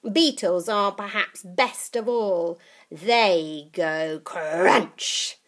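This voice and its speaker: A woman voicing a creepy, witchlike old grandmother in a storybook reading, with slow, relishing, menacing delivery. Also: fairly low pitch, a bit bright, heavily acted. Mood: gloating, relishing.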